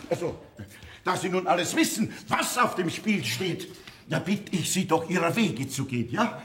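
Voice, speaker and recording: An actor playing a fussy, excitable chatterbox who talks in a flustered, stammering, gossipy way. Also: male voice, sits high, normal speed, slight background noise. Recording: echoey theater stage.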